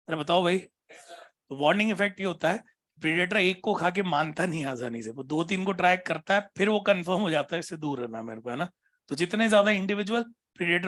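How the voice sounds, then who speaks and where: A man teaching a biology class, constantly prompting his students with questions and reading textbook lines slowly. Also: high voice, a bit bright. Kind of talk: classroom lecture.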